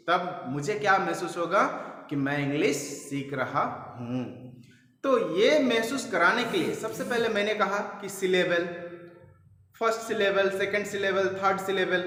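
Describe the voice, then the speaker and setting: Man, English teacher, high bright voice, asks and answers his own questions, spells words out, long echo in the room. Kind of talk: classroom lesson explaining step by step. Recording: echoey room with long reverb.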